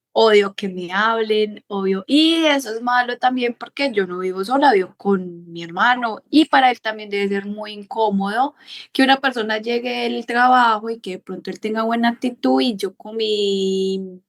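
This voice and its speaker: A woman's voice: medium pitch, moderate pace. A woman, a guest in a casual podcast conversation, telling stories expressively.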